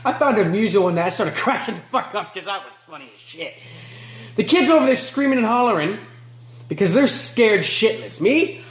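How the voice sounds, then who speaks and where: A man playing a remorseless male killer in an amateur film monologue, moving between low mutters and sharp outbursts. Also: animated, normal speed, roomy sound. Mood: gleeful, frenzied. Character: remorseless male killer recounting his crimes.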